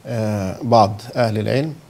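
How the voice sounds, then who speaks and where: A man's voice: fairly low pitch, a little fast, creaky, a little mellow. A man with an Egyptian Arabic accent teaching a lesson on letter sounds, often checking that listeners follow and saying the sounds aloud to show them. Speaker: Quran recitation teacher. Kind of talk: explaining a lesson.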